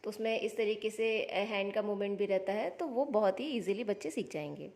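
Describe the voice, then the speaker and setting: A woman's voice: medium pitch, brisk, darkish tone. A woman, a parent, patiently explaining how to teach children phonics step by step, sounding out letters in a casual instructional vlog.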